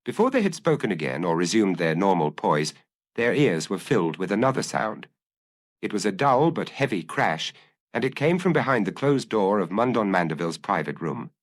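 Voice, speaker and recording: Low, lively male audiobook narrator. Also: normal speed.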